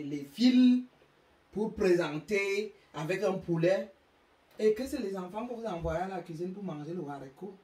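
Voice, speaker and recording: A woman's voice: fairly low pitch, a little mellow. A woman from Africa giving emphatic, scolding parenting advice to an audience, often stammering over repeated words, recorded in a roomy space away from the mic. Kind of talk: impassioned monologue to an audience. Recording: roomy sound, mic far off.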